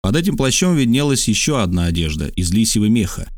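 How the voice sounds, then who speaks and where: Expressive male audiobook narrator. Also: on the low side, fast, dry recording, studio quality. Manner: expressive, varied reading. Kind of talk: scripted narration.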